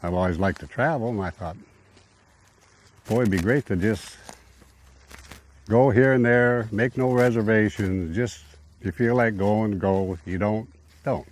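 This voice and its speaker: A man's voice: on the low side, measured pace, pauses often, slight background noise. An older man talking in an easygoing, rambling, folksy way about living full time on the road, speaking from inside his travel trailer. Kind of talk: casual conversational storytelling. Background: loud guitar music.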